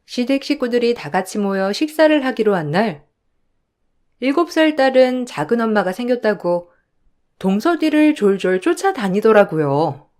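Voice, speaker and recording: A woman's voice: a little high, big pitch swings, moderate pace, a little mellow. A woman narrating a true family story in the first person, in a confiding retelling.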